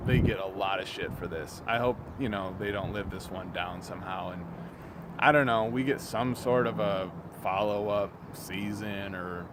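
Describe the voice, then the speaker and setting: A man sounding drunk as he delivers an off-the-cuff video rant, rambling, halting and repeating himself, exasperated and swearing freely. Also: on the low side, noisy background. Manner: exasperated, profane. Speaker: YouTube reviewer.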